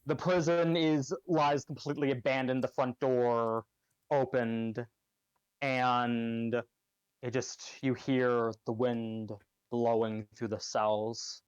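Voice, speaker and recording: A man narrating as game master of a tabletop game, halting with ums and restarts. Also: medium pitch, flat delivery, clean tone, no room sound, dull audio. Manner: hesitant, lots of ums and restarts.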